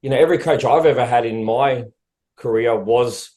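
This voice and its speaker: A man's voice: medium pitch, normal speed, warm tone. A man hosting a coaching podcast, talking casually and bluntly, swearing now and then. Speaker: prep coach podcast host.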